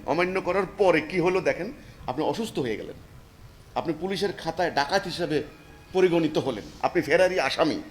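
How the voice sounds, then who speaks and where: A man preaching a sermon, firing off rhetorical questions and swinging from low, quiet asides to shouted emphasis.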